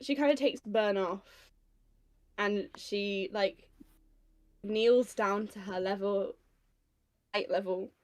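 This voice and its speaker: A woman's voice: mid-range voice, takes it slowly, long pauses. A woman player in a tabletop role-play, hesitant and stammering as she speaks in character.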